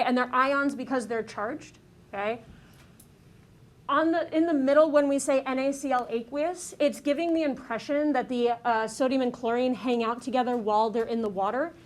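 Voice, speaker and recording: A woman teaching a chemistry class, explaining step by step and checking in with "okay?" and "right?" after nearly every point. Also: sits high. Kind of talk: classroom lecture.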